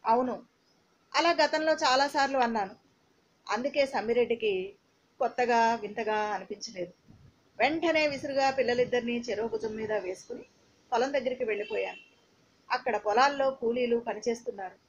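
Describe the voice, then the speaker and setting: A woman's voice: fairly high pitch, brisk, pauses often, highs cut off, slight background noise. A woman narrating a first-person audiobook in an emotional, dramatic reading.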